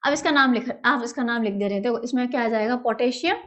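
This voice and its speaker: A woman's voice: on the high side, fast, fairly bright tone. A woman explains chemistry step by step at a whiteboard. She addresses her students fondly as "beta", repeats each key term several times, and poses a question before answering it herself. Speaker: chemistry teacher.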